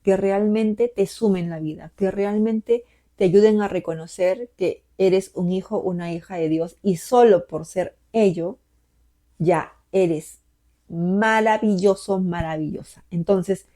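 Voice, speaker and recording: A woman life coach giving a motivational talk to camera in a gentle, encouraging way, asking many rhetorical questions. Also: medium pitch, slow.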